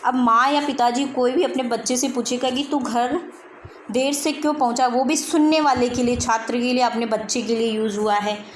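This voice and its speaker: Woman teacher, high pitch, patient question-and-answer explaining, faint background hum. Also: steady tone, echoey room. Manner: repeats example sentences slowly, asks and answers own questions. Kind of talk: grammar lesson.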